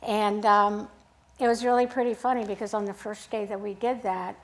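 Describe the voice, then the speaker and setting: A woman photographer giving a casual, storytelling talk at an art club, chatty and animated, acting out the dialogue she recalls. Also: mid-range voice, moderate pace. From United States, grew up in Sacramento. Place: art club event room. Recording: echoey room.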